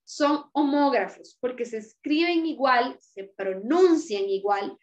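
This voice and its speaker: A woman's voice: high-pitched, animated, slow, highs cut off. A woman teacher explaining a lesson patiently, often checking in with her students. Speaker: Spanish teacher. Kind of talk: recorded class lecture.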